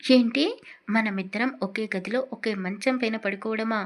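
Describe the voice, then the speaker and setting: A woman's voice: a little high, fairly even intonation, moderate pace, close to an everyday voice. A woman voicing a startled young heroine. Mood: startled, defensive.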